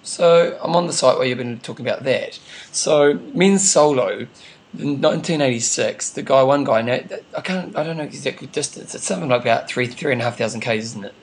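A man's voice: mid-range voice, brisk. A man with a broad New Zealand accent chatting casually and informally as a podcast host, using plenty of slang. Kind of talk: casual co-hosted sports chat.

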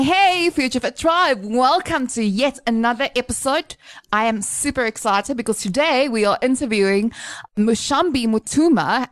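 A woman's voice: fairly high pitch, no room sound. Bubbly South African woman host. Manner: bubbly, exclamatory, laughs often. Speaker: podcast host. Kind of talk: casual interview chat.

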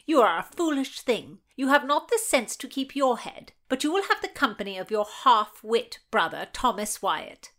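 A woman putting on a nasal, shrill scheming Tudor lady. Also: very animated, normal speed, hardly any pauses, fairly bright tone. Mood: falsely sweet, sneering. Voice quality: nasal twang. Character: spiteful scheming young noblewoman, Tudor lady-in-waiting. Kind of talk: audiobook reading.

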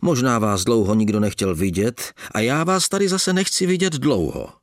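A man's voice: medium pitch, animated, no echo, clean studio sound, lightly acted. A man reading the part of an irritated young shop clerk who speaks sharply and sarcastically. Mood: sarcastic.

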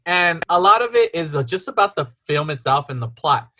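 A man in his late thirties hosts a loose, laughing podcast conversation over a video call. His voice sits high and comes across bright and forward, and he rambles easily through fillers. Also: expressive, brisk. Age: 30s. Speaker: podcast host. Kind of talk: casual chat.

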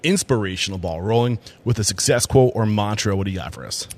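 A man's voice: lowish voice, fast. A man from New Hampshire hosting a casual interview podcast, upbeat and chatty, with frequent fillers and restarts. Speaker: podcast host.

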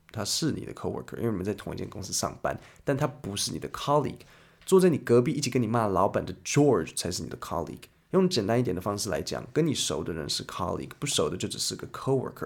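A man hosts an English lesson podcast. He explains words in a chatty, lively way. His voice sits low and has a gravelly, fry-heavy texture. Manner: lively, chatty explainer who switches into English example sentences. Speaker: English teacher and podcast host.

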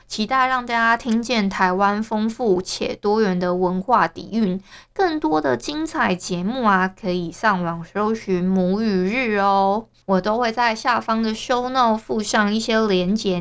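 Casting: female podcast host, Taiwanese accent, smooth crisp voice, casual and chirpy direct address. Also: mid-range voice. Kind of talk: casual solo podcast talk.

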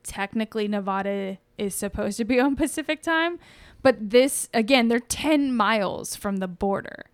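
With a fairly high pitch and lively intonation at normal speed, a woman co-hosts a podcast and spins a rambling, chatty story, often correcting herself. The recording is dry.

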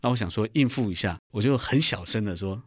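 A man's voice: fairly low pitch, lively intonation, quick pace, breathy edge, no room sound, clean studio sound. A middle-aged man earnestly telling his personal testimony in an interview. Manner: earnest storytelling, acts out quoted voices. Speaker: guest giving testimony.

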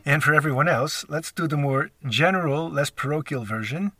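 A man's voice: a little high, moderate pace, bright, forceful tone, no room sound, distant mic, soft background music. A man giving a storytelling talk as a rabbi speaker, dramatic and playful with big words.

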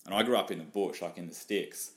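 Talking quickly in a deep voice, the Australian-accented podcast host from northern New South Wales fires off rambling, filler-heavy questions in a laid-back interview.

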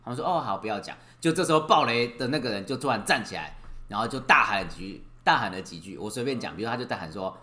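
A man's voice: on the low side, expressive, fast, pushed and bright. A man co-hosting a casual podcast, telling stories in a rambling way with restarts. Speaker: podcast co-host. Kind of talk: casual storytelling chat.

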